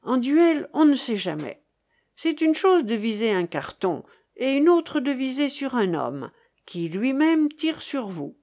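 A woman voicing a sarcastic, theatrical gentleman who speaks with mock-tragic gravity. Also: high voice, very animated, unhurried, voice pushed up, exaggerated voice.

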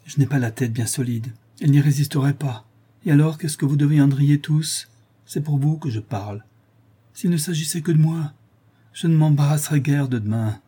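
A man's voice: fairly high pitch, moderate pace, warm tone, slightly rough, pitched above the performer's own voice. A man voicing a desperate, worn-out craftsman. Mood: pleading. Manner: anguished, pleading. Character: exhausted, despairing poor craftsman.

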